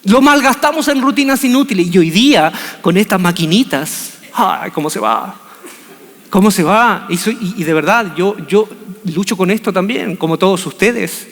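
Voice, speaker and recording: A man preaching a sermon, telling the story in an animated, humorous way. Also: high-pitched, moderate pace. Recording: long reverb of a large hall.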